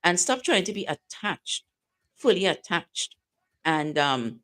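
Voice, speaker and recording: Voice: mid-range voice, big pitch swings, takes it slowly, pushed and bright. A talk show host who keeps the guest going with short replies, then gives an opinion at length. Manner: prompting, affirming, then lecturing. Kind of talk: casual talk show chat.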